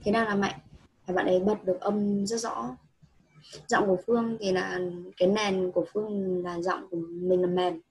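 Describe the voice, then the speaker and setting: A woman with a very breathy, husky voice tutors a student in English. She is patient and laughs easily. She mixes explanations with English phrases. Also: medium pitch, level tone, moderate pace, darkish tone, poor audio. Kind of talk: one-on-one online English lesson.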